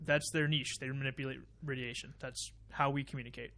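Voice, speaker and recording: A man's voice: medium pitch, level tone, a little fast, noisy background. A man co-hosting a casual podcast, speculating at length and explaining his ideas with fillers. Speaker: podcast co-host. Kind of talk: casual chat.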